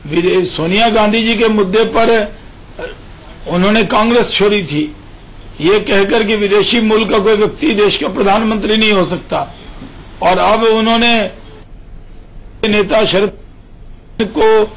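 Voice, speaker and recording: A man with a notably high voice argues his party's line in a television debate. He speaks firmly and insists on his case. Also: fairly even intonation, a little slow, pauses often, a bit bright, rough recording. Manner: firm, argumentative. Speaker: party spokesman. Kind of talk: political debate on a phone line.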